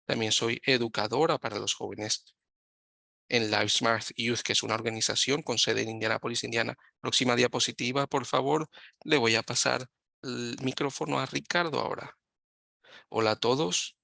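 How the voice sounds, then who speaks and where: A man giving live Spanish interpretation of a webinar over a video call, talking in halting phrases and often correcting himself mid-sentence. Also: mid-range voice, fairly even intonation, creaky, pushed and bright, dry recording, studio quality. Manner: halting, with frequent self-corrections.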